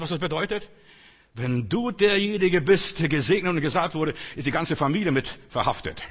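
Man preaching, kinda husky, pushes every point hard, big echoey hall. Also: medium pitch, fairly bright tone. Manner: emphatic, addresses listeners directly with repeated rhetorical questions. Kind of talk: sermon.

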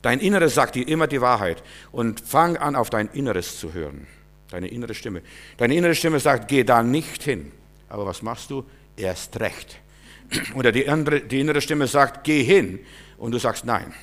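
A man preaching a sermon, urging listeners directly and repeating phrases, swinging between loud emphatic bursts and quiet asides. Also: mid-range voice, animated, moderate pace.

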